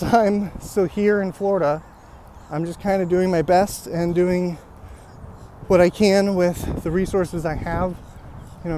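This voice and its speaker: A man with a high voice talks to his viewers like an earnest motivational vlogger. He speaks in halting, encouraging phrases with pauses between them. Faint outdoor noise sits behind him. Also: mellow. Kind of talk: walk-and-talk vlog monologue, motivational. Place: outdoors, walking in rainy weather.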